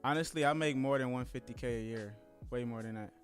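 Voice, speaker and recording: A man's voice: medium pitch, quick pace, soft background music. A man who has just turned thirty, chatting casually with viewers during a live trading stream in a laid-back, rambling way. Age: 30s.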